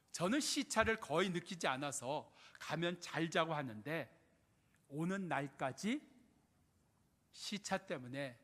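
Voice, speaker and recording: A man's voice: on the high side, a bit bright. An older man preaching as a pastor, firing off rhetorical questions with swelling and dropping emphasis, in a church sanctuary. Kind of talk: sermon. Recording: long hall reverb in a church.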